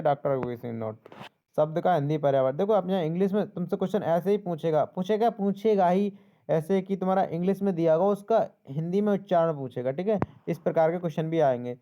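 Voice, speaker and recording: A young adult man with a fairly high voice tutors exam questions in a casual spoken lesson. He repeats each answer back, often asks "ठीक है?" to check in with the listener, and restarts words. The audio has its highs cut off and slight background noise.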